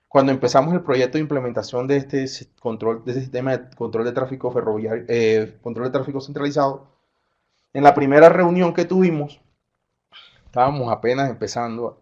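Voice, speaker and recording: A man's voice: mid-range voice, darkish tone. Middle-aged Colombian coastal man, conference talk. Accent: Colombian coastal Spanish. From Colombian Caribbean coast. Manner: conversational, with frequent fillers and self-corrections. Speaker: conference speaker. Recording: slightly dull lo-fi sound.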